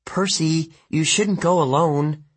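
A man voicing a clever teenage girl who is worried and earnest, in a husky voice. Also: on the high side, slow pace, pitched above the performer's own voice. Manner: earnest and fretting.

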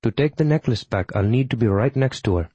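A man putting on a cool, formal female witch with a Tamil accent, slightly raised from his own pitch. She speaks in measured, deliberate phrasing, the voice a touch husky and dry. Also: expressive, warm tone, no room sound. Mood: calm, formal.

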